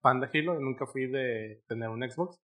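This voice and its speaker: Bright-voiced laid-back man. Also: mid-range voice, moderate pace. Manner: laid-back slangy talk, hesitant fillers. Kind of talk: casual gaming chat.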